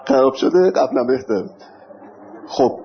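A man's voice: medium pitch, animated, creaky. Man lecturing in a dull lo-fi recording. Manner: lecturing, recites verses in Arabic, jokes with audience. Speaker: religious teacher. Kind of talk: sermon. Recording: dull lo-fi recording with faint noise.

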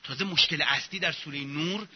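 A high-pitched, husky male lecturer giving an informal religious talk, mocking the ideas he rejects by acting them out. His voice rings through a large hall with a long, trailing echo, and the recording sounds muffled. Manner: sarcastic, acts out mocking examples.

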